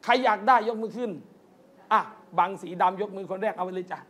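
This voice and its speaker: A man's voice: high voice, fairly quick, fairly bright tone. A man giving an Islamic lecture in a mosque, telling stories earnestly and often calling his listeners brothers and sisters, with light joking asides. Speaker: Islamic preacher. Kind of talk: lecture to a congregation.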